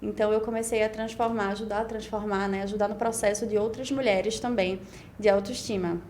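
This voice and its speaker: Her mid-range voice is steady, a little mellow, and fairly quick, with slight background noise behind it. The speaker, a Pernambuco-accented Brazilian Portuguese woman in her 20s and a beauty pageant winner, guests on a casual podcast, reflecting in long run-on stretches with frequent "né?".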